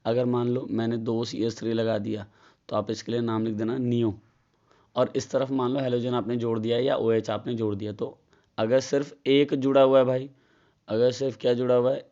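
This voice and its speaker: A man's voice: mid-range voice, level tone, normal speed, warm tone, dull audio. A man with a Hindi accent giving a casual chemistry tutorial, asking and answering his own questions. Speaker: chemistry teacher. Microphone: phone.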